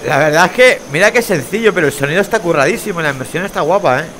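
A young man with a Spain Spanish accent commentates a horror game as he plays. His voice sits fairly high and sounds bright and sharp, with a wide, lively swing in pitch. He calls out loudly, then drops to a jumpy mutter. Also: fast, a little hiss or hum. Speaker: gamer playing a VR horror game. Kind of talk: let's play commentary.

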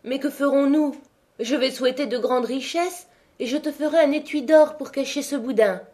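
A woman's voice: high voice, normal speed, warm tone, voice pushed up, natural voice. Woman playing a scolding peasant husband. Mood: pleading. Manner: scolding, pleading. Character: sensible but hot-headed old peasant husband.

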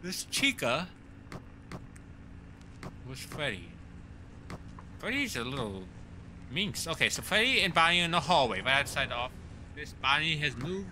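An excitable man commenting on a horror game as he plays, swearing when something startles him. His voice sits high and swings widely in pitch. Clear background noise sits under the recording. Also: unhurried, pauses often. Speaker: let's play host.

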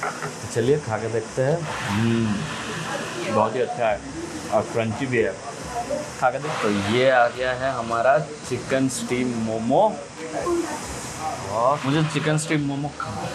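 On a low-quality recording, a man in his thirties with a mid-range voice vlogs about food, chatty and casual, slipping English phrases in. He wears a lapel mic in a small indoor restaurant, and later he's out on a busy street.

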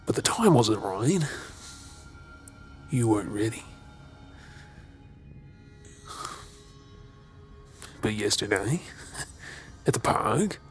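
Creepy male stalker played by a man for ASMR role-play: obsessive, menacingly tender, very slow delivery, music underneath. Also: lowish voice. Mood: possessive, yearning. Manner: creepy, slow, hesitant pauses with mocking softness.

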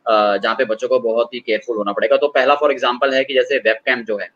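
A man answering interview questions as an expert guest, explaining at length with frequent filler pauses. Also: medium pitch, steady tone, a bit bright, dull audio. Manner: hesitant, many filler pauses.

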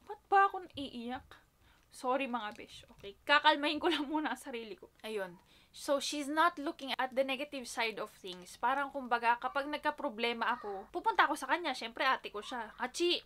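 Woman vlogger, high bright voice, chatty unboxing talk into a phone camera, drops to soft asides. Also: moderate pace. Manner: chatty and emotional, voice softening to near-whisper asides. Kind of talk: casual unboxing chat. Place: home in Japan.

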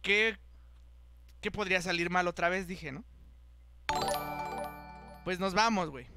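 A young man with a Mexican accent hosts a podcast and tells a travel story, using heavy casual slang and animatedly acting out the voices of the people in it. His voice is high and a little slow. The recording is dry, with soft music in the background.

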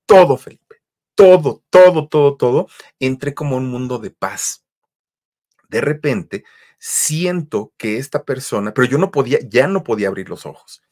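Male host, dramatic storytelling with sudden emphatic highs, medium pitch. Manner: dramatic, pitch jumps on key words, filler-heavy. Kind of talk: retelling a listener's horror story.

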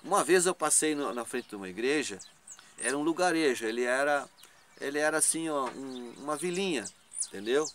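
A man's voice: medium pitch, animated, brisk, a bit bright, a little hiss or hum. A man giving an informal preaching testimony, rambling, laughing often and asking 'né?' to his listeners.

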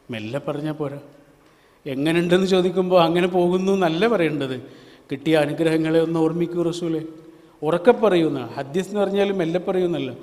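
A man preaching an Islamic sermon, asking rhetorical questions, chanting verses slowly, and swinging from loud to hushed. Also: a little high. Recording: long hall reverb.

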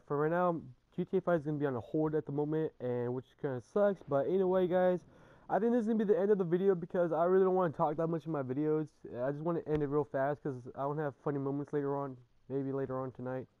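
A man's voice: a little high, dry recording, muffled recording. A young man chatting casually over video game sounds as a gaming YouTuber, rambling and repeating himself with slangy, sweary talk. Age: young adult. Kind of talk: casual chat over gameplay. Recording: noisy, game gunfire behind voice. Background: video game gunfire and ambience.

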